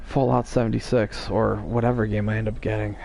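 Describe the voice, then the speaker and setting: A man's voice: lowish voice, level tone, fairly quick, vocal fry, a little mellow, slight background noise. A man streaming live, chatting casually and teasing his viewers in a rambling way.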